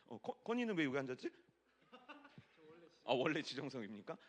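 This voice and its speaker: A man in his forties preaching as a pastor, chatty and teasing with the congregation, his voice swinging between loud and hushed. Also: medium pitch, very animated, fairly quick. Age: 40s. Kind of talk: sermon at a youth worship service.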